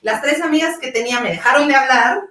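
A woman's voice: high-pitched, very noisy. A woman in her thirties with a Mexican Spanish accent, co-hosting a casual podcast and talking with passion and plenty of swearing. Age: 30s. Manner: passionate, swearing, fast rants. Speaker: podcast co-host. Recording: roomy, distant mic.

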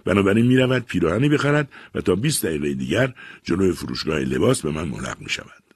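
Man, audiobook narration, measured, expressive, deep voice, husky, dry close recording. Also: dry recording. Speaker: audiobook reader. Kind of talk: scripted story narration.

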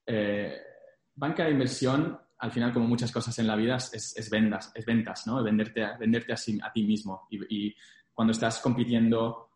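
A man's voice: medium pitch, fairly even intonation, moderate pace, darkish tone. A young man in a casual interview, recounting his career in Spanglish, dropping English business terms into his Spanish. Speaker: interview guest, former investment banking analyst. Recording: echoey room.

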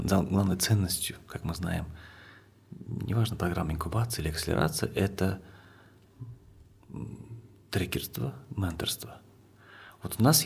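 A man's voice: low voice, creaky, breathy edge. A man interviewing a guest, asking long questions and murmuring agreement as he listens. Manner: long questions, frequent quiet agreement sounds.

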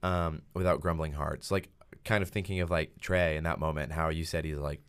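A man's voice: a bass voice, steady tone, moderate pace, clear, resonant tone. A man hosting a podcast, talking casually about faith with many fillers and acting out quotes in a raised voice. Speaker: podcast host.

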